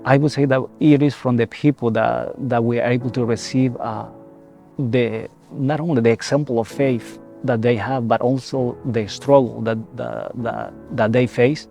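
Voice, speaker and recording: Halting young man, gravelly. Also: mid-range voice, steady tone. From El Salvador. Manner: halting, many repeated words and restarts. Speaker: seminarian. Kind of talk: reflective personal testimony. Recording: soft music behind.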